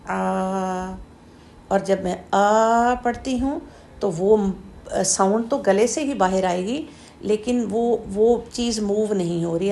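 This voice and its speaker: A woman teaching Quranic letter pronunciation, explaining slowly and demonstrating throat sounds with repeated drawn-out syllables. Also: mid-range voice, creaky, a little mellow, a little hiss or hum. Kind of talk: slow step-by-step pronunciation lesson.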